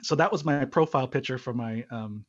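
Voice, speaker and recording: A man from Hawaii, a guest on a podcast, telling a long story with restarts and little chuckles. His voice sits at a middle pitch. It comes over a remote call with muffled, lo-fi sound. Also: brisk. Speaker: podcast guest, marriage and business consultant. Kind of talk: conversational storytelling.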